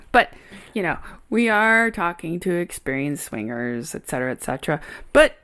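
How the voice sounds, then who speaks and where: Rich: A woman co-hosting a podcast in loose, frank conversation. Her pitch swings widely as she talks, and laughter comes easily. Her delivery is open and animated. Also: normal speed, clear, resonant tone. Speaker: podcast co-host. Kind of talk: frank casual chat.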